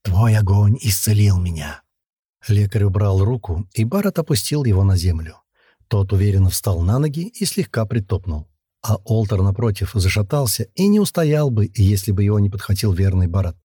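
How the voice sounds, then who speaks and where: A male audiobook narrator with a dark, husky voice, recorded close on a studio mic in a dry space. He reads fantasy prose in a steady storytelling manner. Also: fairly low pitch, a little fast, no echo.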